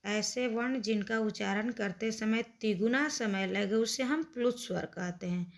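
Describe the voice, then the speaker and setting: A woman with a fairly high voice teaches children in an online lesson. She speaks very slowly and patiently, spelling out each letter on its own. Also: vocal fry. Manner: slow, patient, recites letters aloud one by one.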